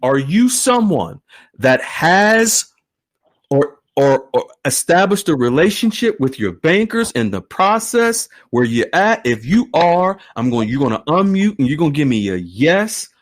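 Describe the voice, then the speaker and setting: A man hosting an online group call, animated and exclaiming often. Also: on the high side, a little slow. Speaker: host.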